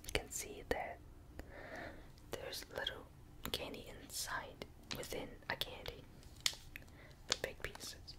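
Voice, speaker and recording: A young adult whispers a casual ASMR ramble in a soft, breathy voice, close to the listener's ears on a binaural microphone. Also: takes it slowly, long pauses. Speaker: ASMR video maker.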